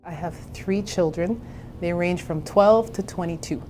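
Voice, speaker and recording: A woman's voice: on the low side, measured pace, darkish tone, faint music behind. A woman in her forties from Canada, a therapist and entrepreneur, telling her own story in a candid, chatty interview. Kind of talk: personal interview.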